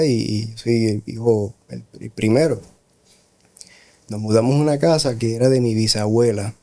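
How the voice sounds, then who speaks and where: A middle-aged man, a pastor, giving a slow, reflective spoken testimony with pauses and hesitations. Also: on the low side, a little mellow. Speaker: pastor, guest. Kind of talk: testimony in a radio interview.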